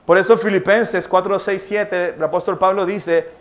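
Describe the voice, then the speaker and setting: A young Colombian pastor with a high voice preaches in a church. He tells his stories vividly, and he keeps asking questions and answering them himself. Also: steady tone, normal speed. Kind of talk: sermon. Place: church hall.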